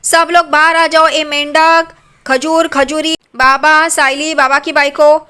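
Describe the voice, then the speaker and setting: Woman voicing a loud young husband, bossy, blunt, shouting, high bright voice. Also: normal speed.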